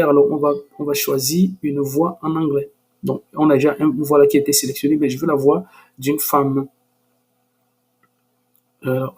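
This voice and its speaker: A man with a fairly high voice hosts a screen-recorded software tutorial. He talks with frequent restarts and hesitant fillers, turning eager as he shows off the results. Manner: enthusiastic.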